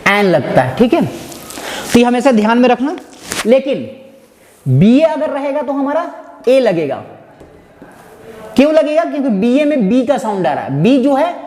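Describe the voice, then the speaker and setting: A man's voice: extremely high pitch, sing-song, measured pace, long pauses, a little mellow. A man teaching English grammar, asking his listeners questions and answering them himself while calling them "my dear friend". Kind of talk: explanatory classroom lesson. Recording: echoey hall with faint noise.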